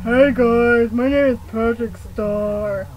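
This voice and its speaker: Girl playing dim-witted, high-voiced Patrick Star puppet. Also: steady tone, slow pace, lo-fi sound. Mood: clueless. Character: dim-witted sulky male cartoon starfish puppet. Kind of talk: improvised amateur puppet show. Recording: faintly noisy amateur home video.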